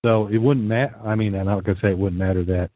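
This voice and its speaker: A low-voiced man talks fast with fairly even intonation while co-hosting a casual talk show, sounding easygoing and a little hesitant as he reads news articles aloud between bits of discussion. The recording is dry and tinny, like a phone, with no echo.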